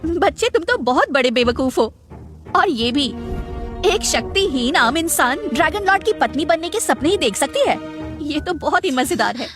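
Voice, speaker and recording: Woman playing a high-voiced, cruel, jealous goddess, mocking and threatening, dub with music under. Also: expressive, normal speed. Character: haughty scheming female Phoenix goddess, jealous and cruel. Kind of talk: Hindi dub of a fantasy drama.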